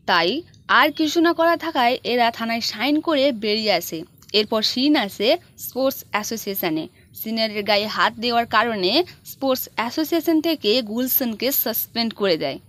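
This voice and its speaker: A woman's voice: fairly high pitch, expressive, normal speed, fairly bright tone. A woman narrating a movie recap in a scripted storytelling style, lifting her voice for quoted lines.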